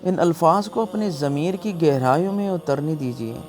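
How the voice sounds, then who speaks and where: A preacher narrates a scripted, emotional sermon, pleading earnestly over background music. His voice is a little high with a darkish tone.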